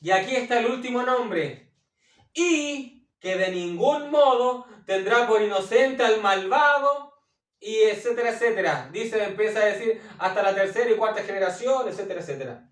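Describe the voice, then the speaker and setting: A man teaching from the Bible as a preacher, repeating phrases for emphasis, asking his listeners questions and often pausing on hesitation sounds. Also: sits high, lively intonation, far from the mic. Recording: echoey room, voice set back from the mic.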